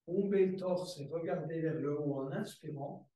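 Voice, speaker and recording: A calm male yoga teacher talks a class through breathing and stretches, repeating his cues softly and slowly. His voice is mellow and sits a little high for a man. He sounds far from the mic in a very echoey room. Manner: calm, slow step-by-step breathing cues with soft repetitions. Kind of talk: guided yoga class instruction.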